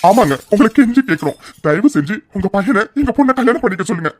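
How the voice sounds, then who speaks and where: A woman's voice: medium pitch, animated, quick pace, a little mellow, no room sound, lightly acted. A woman playing an earnest pleading mother.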